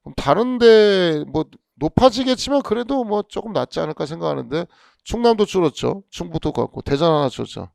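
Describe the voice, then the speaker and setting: A man's voice: high-pitched, animated, brisk, creaky, a little mellow, no room sound, clean studio sound. A man, a police exam instructor, lecturing casually, with rhetorical questions and frequent restarts.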